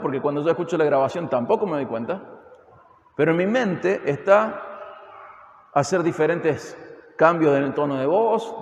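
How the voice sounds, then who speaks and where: A man preaching an expository sermon with an Argentine accent from Córdoba, pressing the congregation with emphatic rhetorical questions. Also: sits high. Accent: Argentine Spanish (Córdoba). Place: church hall. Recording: echoey hall with long reverb.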